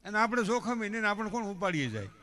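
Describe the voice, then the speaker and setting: Bright-voiced Kathiawadi folk joke-teller. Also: male voice, high voice, sing-song, quick pace, faint music behind. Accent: Kathiawadi Gujarati. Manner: folksy, addresses the crowd as elders, acts out quoted villagers. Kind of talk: live stage comedy storytelling. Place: religious festival pavilion before a crowd. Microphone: stage microphone on a stand.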